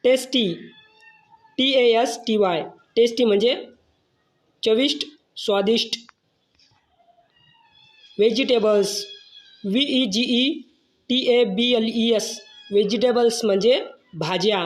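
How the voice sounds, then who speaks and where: A teacher giving a slow vocabulary lesson, spelling each word letter by letter and then giving its meaning. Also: medium pitch.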